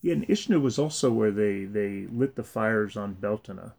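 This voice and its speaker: A man with a fairly low voice hosts a conversational interview. His delivery is halting and informal, repeating words as he builds each question. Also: gravelly, a little mellow. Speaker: interviewer, host.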